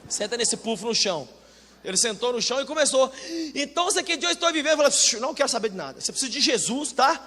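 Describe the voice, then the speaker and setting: Pastor de voz aguda, pregando em igreja. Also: male voice, extremely high pitch, quick pace, long reverb tail, slight background noise. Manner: animated storytelling with humor, voicing other people; direct, colloquial preaching. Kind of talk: sermon.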